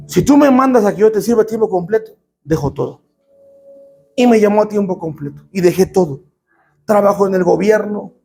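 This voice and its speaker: A middle-aged man preaching a sermon as pastor, calling for responses and shouting for emphasis. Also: extremely high pitch, vocal fry.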